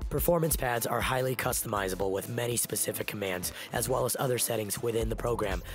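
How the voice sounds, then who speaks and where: Hoarse, low-voiced man with a smoker's rasp. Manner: blunt, casual, sweary. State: losing his voice. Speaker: mobile DJ and karaoke host. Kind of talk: scripted video voice-over, informal and opinionated. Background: background music.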